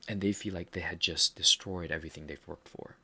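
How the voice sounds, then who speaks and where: He has a deep voice, pushed and bright, slightly rough, with fairly even intonation and a slightly quick pace. A Filipino-accented podcast host, he gives a frank, earnest reflective monologue about a personal setback, poking fun at himself at times.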